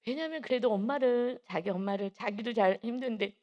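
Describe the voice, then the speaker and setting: A middle-aged woman preaching at a dawn service in a conversational way. She tells personal stories, acts out other people's words, and often clears her throat. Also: a little high, a little fast, muffled recording. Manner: chatty storytelling, acts out quoted voices, frequent throat clearing. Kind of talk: conversational sermon with personal anecdotes.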